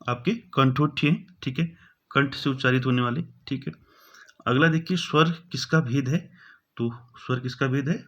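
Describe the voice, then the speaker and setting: A man's voice: medium pitch, moderate pace, fairly bright tone. A man teaching an exam-prep grammar lesson, reading each question, repeating it and giving the answer, with frequent "okay" fillers. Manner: repeats each question, fills with "thik hai". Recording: dull, lo-fi sound.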